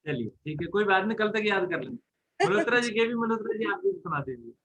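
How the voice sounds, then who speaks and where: A man's voice: high voice, lively intonation, quick pace, a bit bright, rough recording. A man hosting a casual group discussion, prompting the others encouragingly. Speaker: discussion host.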